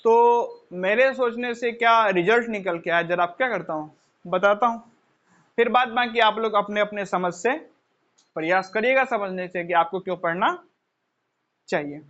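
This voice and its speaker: A man's voice: high voice, moderate pace, a bit bright. A male teacher giving a motivational classroom lecture, asking questions and answering them himself and addressing his listeners as children. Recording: dull lo-fi recording.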